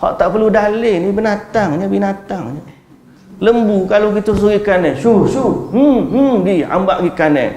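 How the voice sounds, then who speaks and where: A man's voice: high voice, moderate pace, darkish tone. A man with a Malaysian Malay accent, a religious teacher giving a conversational Quran lecture with teasing asides and acted-out quotes. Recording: echoey room, faint ambient noise.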